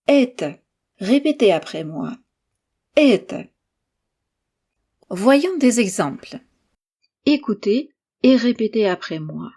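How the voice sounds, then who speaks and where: A woman gives a language lesson in an unhurried, measured way. Her voice is mellow and soft-edged. She articulates each example with care so learners can repeat after her. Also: mid-range voice. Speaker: Russian language teacher. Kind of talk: slow, clear language lesson.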